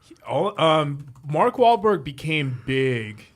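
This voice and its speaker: A man co-hosting a casual group podcast, telling stories in an animated way. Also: on the high side, slow pace. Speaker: podcast co-host.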